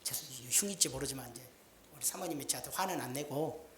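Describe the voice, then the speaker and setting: A man's voice: medium pitch, quick pace, fairly bright tone, slight background noise. A middle-aged male pastor preaching a sermon in a folksy, joking way, acting out little everyday scenes. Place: church sanctuary. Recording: echoey church sound.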